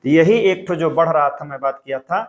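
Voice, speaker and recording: A man's voice: on the high side, fairly quick. A male teacher giving an exam-prep lecture, explaining step by step and repeating key points.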